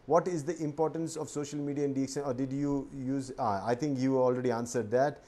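A man's voice: medium pitch, steady tone, fairly quick, dark tone. A man hosting a video-call interview, reading out viewer questions with joking asides. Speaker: host. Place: indoor room with bookshelves.

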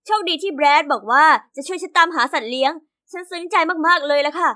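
A woman narrates an animated diary story in the first person as a young girl. Her voice sits very high and sounds bright and ringing. Her delivery is lively and expressive, in a scripted storytelling style. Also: fast.

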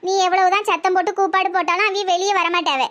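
In cartoon voice acting, a woman plays a shouting, angry village mother from Tirunelveli who is sharp-tongued and loud, speaking with a Tirunelveli Tamil accent. Her very high-pitched, steady, fast and slightly bright voice scolds and accuses.

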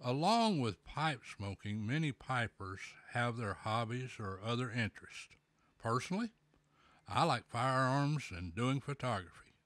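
A middle-aged man hosting a show, talking in a slow, folksy, plainspoken way with a pipe in his mouth. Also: mid-range voice, animated, a bit bright, no echo. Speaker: podcast host. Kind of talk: casual solo talk.

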